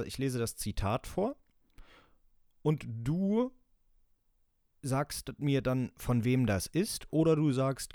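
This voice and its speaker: With a mid-range voice in clean studio sound and no echo, a man reads quotes for a quiz on the casual podcast he co-hosts. He's lively and laughs frequently.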